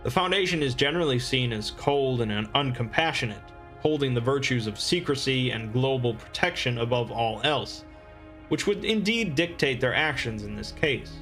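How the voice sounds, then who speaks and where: A man reading scripted explainer narration in a measured, expository manner. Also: mid-range voice, expressive, a bit bright, faint music behind.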